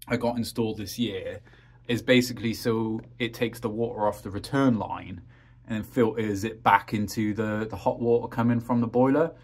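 A man's voice: fairly low pitch, husky. A man walking through his home heating system in a casual vlog, talking in a rambling, practical way with many ums and uhs, from a cramped crawl space and utility room. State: out of breath after crawling.

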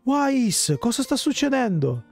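A man's voice: medium pitch, animated, fairly quick, warm tone, husky, soft background music. A man voicing a weary, short-tempered young hero in a fantasy game. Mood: irritated.

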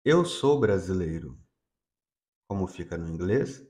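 This English lesson for Portuguese speakers is led by a man whose voice sits low and has a darkish tone, animated but measured in pace. He offers every phrase in Portuguese first, then says the English version two times, drilling slowly.

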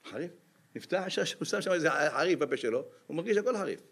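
A male rabbi delivering a sermon in a somewhat high voice. He keeps the talk moving with quick rhetorical questions to the congregation and an animated, storytelling delivery. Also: breathy edge. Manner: lively, peppered with rhetorical questions to the audience.

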